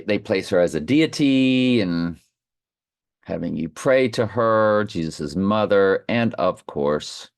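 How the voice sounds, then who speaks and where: A man's voice: sits low, no room sound, studio quality. A man leading an informal Bible study, reading and commenting off the cuff, slightly slurring because half his mouth is numb from the dentist. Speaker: online Bible study host.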